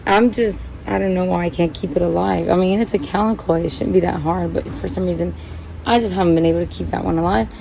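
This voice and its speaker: Here a plant-channel host, Puerto Rican-born and Connecticut-raised, rambles cheerfully with plenty of fillers as she works on repotting cacti. She speaks quickly in a steady, fairly low, creaky voice against background noise.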